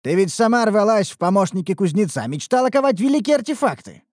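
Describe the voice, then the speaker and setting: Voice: mid-range voice, very animated, fast talker, darkish tone, no room sound, studio quality, voice pushed up. A narrator voicing a smug, teasing male slave trader in an audiobook. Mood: wry. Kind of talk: audiobook character voice.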